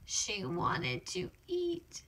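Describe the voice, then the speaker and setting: A woman reads a children's picture book aloud in an expressive, exclamatory, sing-song storytelling style for young kids. Her voice is very high-pitched and gravelly, she goes very slowly, and the audio is poor.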